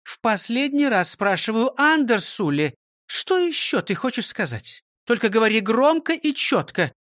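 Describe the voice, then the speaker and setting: A man voicing a cheerful, fussy elderly schoolteacher woman who exclaims brightly. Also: very high-pitched, big pitch swings, moderate pace, no echo, clean studio sound, pitched above the performer's own voice, exaggerated voice. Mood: stern. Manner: chirpy, exclaiming.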